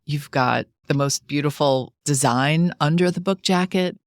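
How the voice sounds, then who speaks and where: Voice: medium pitch, a little slow, dry recording, studio quality. A podcast host interviewing a guest, asking questions in an admiring tone. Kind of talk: conversational interview.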